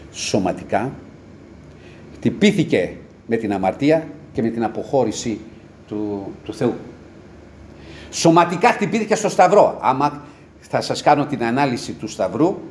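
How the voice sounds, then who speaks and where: A man preaching a sermon with passion, rising to loud cries and dropping to low murmurs. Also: a little hiss or hum.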